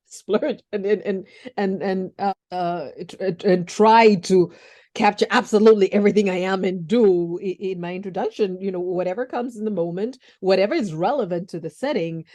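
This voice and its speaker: Speaking at normal speed with a medium-pitched, dark voice, this woman hosts an interview podcast, conversing enthusiastically with her guest and often restarting what she says.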